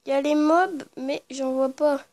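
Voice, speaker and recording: Woman gamer, high pitch, casual play-by-play, murmurs then sudden startled cries, cusses freely. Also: fairly even intonation, moderate pace, darkish tone. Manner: muttering low, then bursting into startled shrieks and swearing; chatty with viewers, talks to the game creatures. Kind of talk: casual game commentary.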